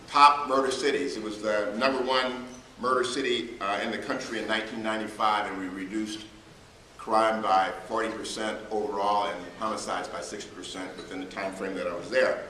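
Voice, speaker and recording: A middle-aged man, a former police chief, telling stories from his career in a measured, anecdotal way to a club audience. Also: lowish voice, level tone, bright, forceful tone, a little hiss or hum. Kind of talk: storytelling talk to a club audience. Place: hall at a club luncheon. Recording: roomy hall, mic at a distance.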